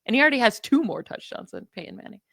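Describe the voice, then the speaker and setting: A woman with a New York accent co-hosting a sports podcast, chatting casually and confidently, dropping stats with quick asides. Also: on the high side, very animated, gravelly, fairly bright tone, no echo. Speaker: podcast co-host.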